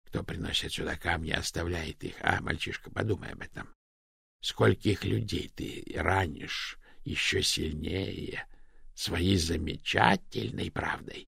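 A man's voice: on the low side, normal speed, vocal fry, sharp tone, husky, dry recording, clean studio sound, exaggerated voice. A man doing a scornful old priest. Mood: hissing. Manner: preaching, mocking.

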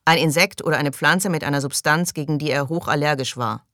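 A man reading an audiobook, voicing an irritable, pompous male colony doctor who speaks loudly and defensively. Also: fairly high pitch, brisk, dry recording, studio quality. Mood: indignant. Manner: indignant, loud, defensive.

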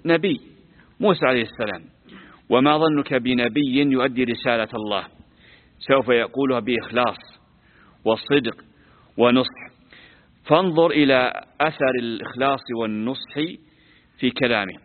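A male sheikh gives a scripture lesson, asking his students questions and drawing out words slowly to show their pronunciation. The sound is tinny and narrow, like a phone line. A long reverb trails behind each phrase. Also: medium pitch. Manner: quizzes listeners, repeats words slowly to teach pronunciation. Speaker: sheikh teaching Quran commentary.

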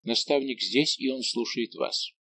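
A man voicing a young viscount who speaks coldly and calmly, with stern restraint. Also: mid-range voice, pitched above the performer's own voice. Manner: cold, measured.

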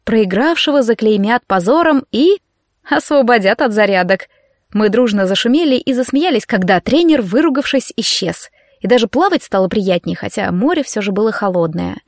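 Dry, high-voiced woman narrator. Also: dry recording. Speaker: audiobook narrator. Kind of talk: scripted narration.

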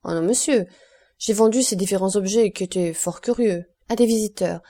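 A woman reads a talkative male prison guide, humble and eager to please. The audiobook voice stays warm and soft-edged, with only a light lift for the character. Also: mid-range voice, normal speed, natural voice. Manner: eager, deferential.

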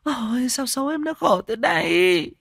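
A wailing, self-pitying village wife, put on by a male storyteller. Her voice climbs high and whiny as she laments. The recording is close and dry. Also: big pitch swings, normal speed, no room sound.

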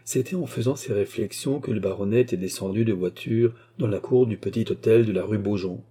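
A man narrating a classic novel as an audiobook in steady, measured storytelling. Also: on the low side, breathy edge.

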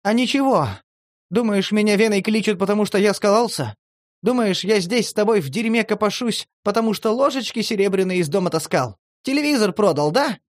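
Guy putting on a high whiny strung-out street addict, touchy and teary, horror audiobook, dry sound. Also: lively intonation, unhurried, no room sound. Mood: aggrieved. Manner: shrill, agitated, pleading. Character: strung-out homeless male addict, touchy and tearful. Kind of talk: audiobook character voice.

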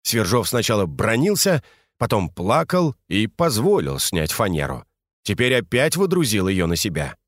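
A man reading a literary story aloud as an audiobook narrator, expressive and lively. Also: on the low side, moderate pace, dry recording, clean studio sound. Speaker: audiobook reader.

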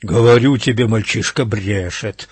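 A man voicing a coarse, vicious pirate who shouts and snarls. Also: mid-range voice, a little slow, husky, no echo. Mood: defiant. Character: snarling adult male pirate, vicious and cornered.

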